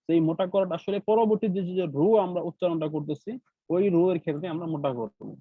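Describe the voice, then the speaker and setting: A man with a Bangladeshi Bengali accent teaches recitation rules patiently, breaking each point into small steps and checking in with his students. His voice sits a little high for a man. The sound is dry and tinny, like a call line. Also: fast, no echo. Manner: patient, explains step by step, often checks with "right?". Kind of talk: online class explanation.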